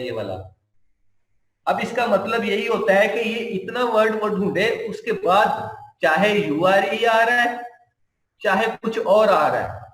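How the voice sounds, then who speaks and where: A man's voice: high-pitched, a bit bright, echoey room, poor audio. A man giving a recorded computer science lecture, explaining each point step by step and repeating it.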